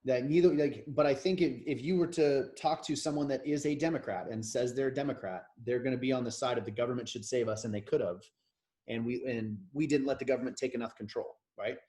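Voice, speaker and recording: He's an American in his thirties, co-hosting a podcast and chatting casually about politics. Fast and warm-toned at a medium pitch, he rambles opinionatedly and frequently restarts his sentences.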